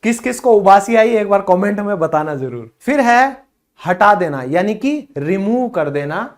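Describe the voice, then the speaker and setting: A man teaching English vocabulary in a casual, chatty way, speaking to viewers as friends and saying each example sentence slowly and carefully. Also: high-pitched, sing-song.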